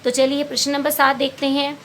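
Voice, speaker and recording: High-pitched lady teacher going through a kids' worksheet, patient, calls the pupils beta, bit of hiss behind. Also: level tone, a little fast, fairly bright tone. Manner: patient, asks questions then answers them herself. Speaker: primary school teacher. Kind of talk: online Hindi lesson.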